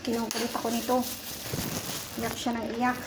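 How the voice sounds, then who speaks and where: High-voiced woman chatting playfully. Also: monotone, moderate pace, very noisy. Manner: playful, teasing sing-song chatter. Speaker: vlogger. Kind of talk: casual vlog, talking to her dog.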